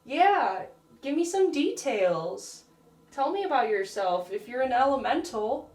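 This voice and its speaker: Young american woman ghost hunting, jumpy slangy talk, slow, echoey and far from the mic. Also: high-pitched, big pitch swings. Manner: nervous, slangy, talking softly to spirits. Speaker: paranormal investigator. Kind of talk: ghost hunt commentary. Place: dark echoing old prison cell block.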